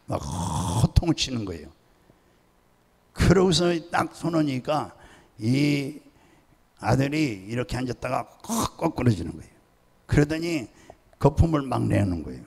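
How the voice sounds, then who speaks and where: A man's voice: medium pitch, sing-song, unhurried, gravelly, pauses often, husky, in a large hall. An older man, a pastor emeritus, preaching a sermon and telling stories, acting out the voices of people in them. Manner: storytelling, acting out pleading and shouting voices. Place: church sanctuary.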